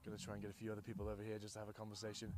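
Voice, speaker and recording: A young man doing chatty live rugby commentary from beside the pitch, laughing often as he talks. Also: completely flat delivery, racing.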